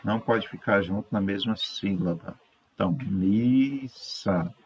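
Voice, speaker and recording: A Brazilian man teaching a third-grade class, correcting exercises patiently, sounding words out slowly and checking in with his pupils. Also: lowish voice, steady tone, slight background noise. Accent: Brazilian Portuguese. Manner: slow, stretches out words syllable by syllable.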